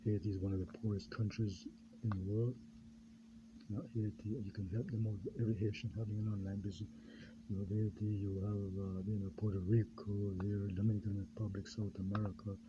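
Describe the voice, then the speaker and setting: A man from Jamaica, a pastor, talking in a rambling unscripted monologue, halting and full of fillers and repeated words. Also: on the low side, little pitch movement. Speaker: pastor and self-styled candidate. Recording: dull lo-fi recording with clear background noise.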